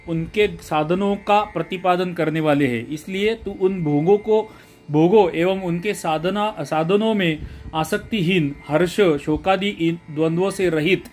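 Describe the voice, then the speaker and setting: A man reciting scripture verses slowly and then explaining their meaning in plain talk, often repeating lines and correcting himself mid-word. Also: on the high side, a little mellow. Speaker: Gita reader and explainer.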